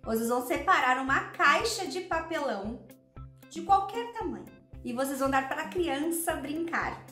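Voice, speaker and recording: Brazilian woman educator-presenter, high voice, talks straight to viewers, echoey room with music underneath. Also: expressive, moderate pace, bright, forceful tone. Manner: addresses viewers directly with rhetorical questions. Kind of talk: educational presentation on children's play.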